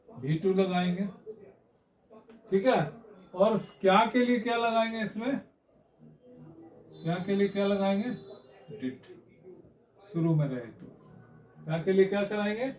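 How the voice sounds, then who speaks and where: Guy teaching grammar, high voice, keeps asking haan? theek hai?, echoey room from far off. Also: a little mellow. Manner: explains slowly, repeats and checks with "haan?" and "theek hai?". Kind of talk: classroom lesson.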